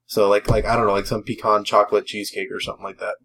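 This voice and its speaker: A man's voice: on the low side, rapid-fire. A man co-hosting a beer review, chatting casually in a rambling way full of "like" and "you know". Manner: rambling, filler-heavy, animated. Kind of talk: casual chat.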